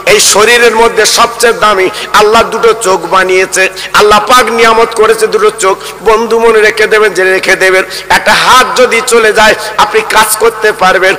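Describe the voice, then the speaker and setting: High, bright-voiced man preaching in a hall. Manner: sing-song preaching, rising into high wailing appeals. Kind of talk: Bengali waz sermon with storytelling.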